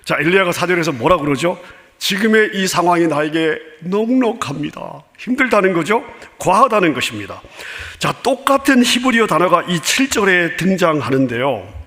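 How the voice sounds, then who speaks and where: Guy preaching sunday sermon, kinda high voice, keeps asking the room stuff, big church echo. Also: very animated, moderate pace. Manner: asks the congregation rhetorical questions and opens phrases with "자"; earnest preaching, drops to a soft hush on key phrases. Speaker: senior pastor. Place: church sanctuary. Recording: long church reverb.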